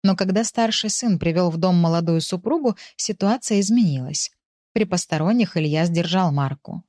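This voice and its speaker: A woman reading an audiobook chapter in a slow, measured narration. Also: on the low side, a little mellow, dry recording, studio quality. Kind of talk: scripted narration.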